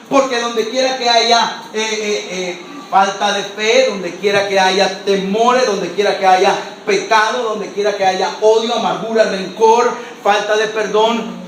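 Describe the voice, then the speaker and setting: A male pastor preaching a passionate sermon, moving between loud, urgent stretches and quiet, confiding asides. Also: high-pitched. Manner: impassioned, swings between shouting and hushed asides. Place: church sanctuary. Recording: echoey church from far off, faint noise.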